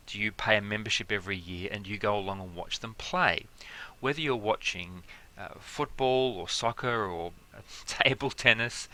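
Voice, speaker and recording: A man giving a relaxed, conversational lecture, filling pauses with fillers and stacking everyday examples. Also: lowish voice. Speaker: teacher. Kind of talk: explanatory lecture.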